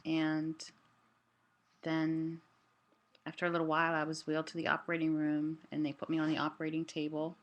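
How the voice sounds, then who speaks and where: A woman giving a casual personal update in a halting way, her voice limited in range and altered by a sore, swollen throat after surgery. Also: low voice, monotone, muffled recording. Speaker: vlogger sharing a health update. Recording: clearly noisy room ambience.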